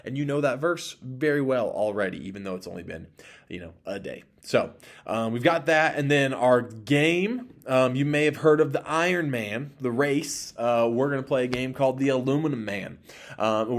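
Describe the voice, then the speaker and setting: A young man leading a children's ministry, casually briefing volunteers on the week's plan with lots of ums. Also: medium pitch. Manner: relaxed, rambling with frequent ums. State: allergies, may sneeze.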